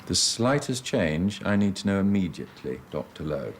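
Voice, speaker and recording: A stern senior surgeon in a TV hospital drama, with a low voice. He is formal and restrained, choosing precise, clipped phrases. There is faint noise behind him. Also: very animated, normal speed. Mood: measured, firm. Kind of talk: scripted TV drama dialogue.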